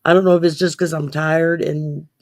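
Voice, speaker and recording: A woman's voice: sits low, little pitch movement, normal speed, no room sound. A woman co-hosting a casual chat, talking readily and often repeating words as she explains. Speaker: co-host.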